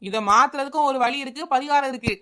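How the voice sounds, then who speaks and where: A woman's voice: high voice, fast talker, fairly bright tone. A woman voicing a glib fake swami. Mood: smug. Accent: Kanyakumari Tamil. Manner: glib, rambling, mock-solemn. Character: scheming male fake astrologer swami, smug.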